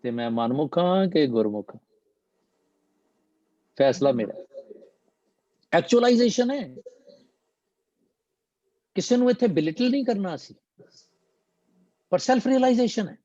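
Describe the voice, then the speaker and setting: Slow, mellow-voiced man explaining scripture. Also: sits high, big pitch swings, no room sound, muffled recording. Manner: slow, deliberate, mixing English phrases into explanation. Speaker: Gurbani teacher.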